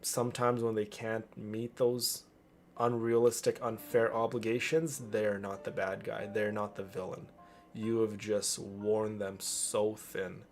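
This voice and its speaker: A man with a lowish voice streams to his community, speaking at a measured pace in a level tone. His talk is casual and unscripted, personal chatter over gameplay, delivered earnestly and emphatically with frequent repeated phrases. Game music and character voices play in the background.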